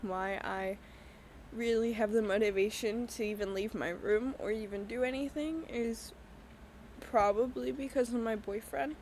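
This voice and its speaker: Tearful young woman, halting and apologetic. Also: a little high, a little mellow, a little hiss or hum, poor audio. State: crying. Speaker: podcaster. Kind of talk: personal podcast monologue.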